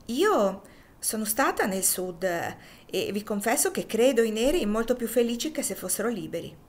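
A woman's voice: on the high side, very animated, moderate pace. A woman reading the lines of a complacent young lady with a languid, dismissive manner.

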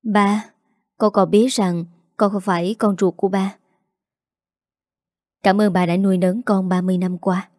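A woman voicing a dying young man in an audio story, speaking quietly and gently. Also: mid-range voice, little pitch movement, a little slow, pauses often, dry recording, studio quality, natural voice. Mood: gentle.

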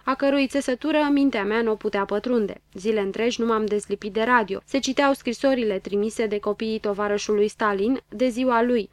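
A woman reading a literary novel aloud as an audiobook narrator, in a measured and expressive way, close to the microphone. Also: on the high side, no room sound.

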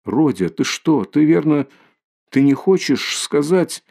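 A frightened, tearful mother who pleads timidly, her voice pitched higher than the gravelly baritone of the man reading her aloud. A male audiobook narrator puts her on, keeping a low, dark undertone beneath the worry. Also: measured pace. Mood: frightened pleading. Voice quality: pleading, fearful. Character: anxious middle-aged mother, timid and tearful.

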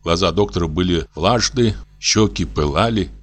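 A man narrating a classic story as an audiobook, with expressive, varied intonation. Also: deep voice, moderate pace.

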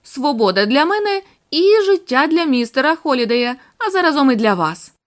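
A woman voicing a scheming countess, cool and composed, high and lively pitch, audiobook. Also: moderate pace.

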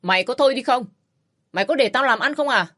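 Woman voicing old father-in-law, furious, domineering, loud raised voice, harsh scolding. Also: a little high, lively intonation, moderate pace, pitched above the performer's own voice.

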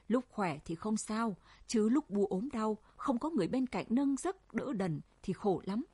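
Husky woman reading a story. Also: mid-range voice, no echo. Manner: even storytelling. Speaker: narrator.

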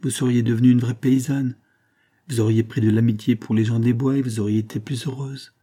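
Man doing big kind peasant charcoal-burner, plain-spoken, sighing, mellow and husky voice. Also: medium pitch, fairly even intonation, a little fast, natural voice. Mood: gentle, rueful. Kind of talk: audiobook reading.

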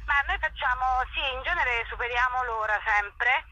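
Calling into a radio show for a casual interview, an actress talks hesitantly, hunting for her words. Her high voice moves at a moderate pace over heavy background noise.

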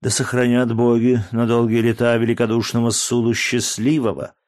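A man's voice: mid-range voice, completely flat delivery, moderate pace, a little mellow, natural voice. Man doing a trembling, terrified man. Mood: pleading. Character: terrified man of forty, begging.

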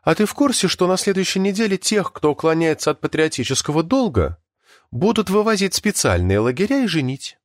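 A man's voice: sits high, very animated, a little fast, no echo, clean studio sound, pitched above the performer's own voice. A man reading an audiobook, voicing a stern, cutting female schoolteacher.

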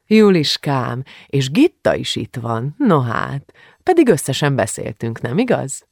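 A man voicing a warm, cheerful middle-aged father in an audiobook, gentle and a little sheepish. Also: medium pitch, big pitch swings, vocal fry, dry recording, clean studio sound. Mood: fond.

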